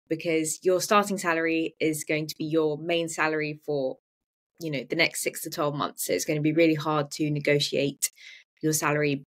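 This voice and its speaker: A woman who works as a freelance medical writer, giving practical, step-by-step advice to viewers on a live webinar over a video call. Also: low voice. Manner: practical, explanatory, starts points with "so".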